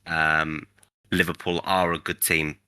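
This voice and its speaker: A young man with a very deep yet sharply bright voice joins a casual football podcast. He talks bluntly and jokes around, swearing now and then, recorded close and dry. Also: level tone, unhurried, clear, resonant tone, no room sound. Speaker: podcast co-host.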